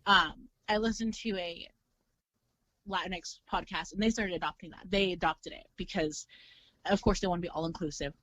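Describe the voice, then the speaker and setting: A young woman from California talking as a podcast guest in animated, chatty casual conversation, full of fillers. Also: lowish voice, moderate pace, no room sound, rough recording. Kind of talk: casual chat.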